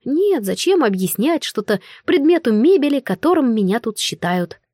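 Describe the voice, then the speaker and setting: A woman narrating a first-person fantasy novel in an expressive, storytelling manner. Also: sits high, normal speed, dry recording, clean studio sound. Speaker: audiobook narrator.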